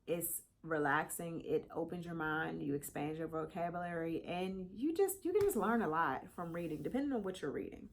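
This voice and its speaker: A middle-aged woman vlogging casually to her viewers, chatty and animated, slightly congested, calling them y'all. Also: on the low side, moderate pace, hardly any pauses, slight background noise. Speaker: crochet vlogger. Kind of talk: casual chat to camera.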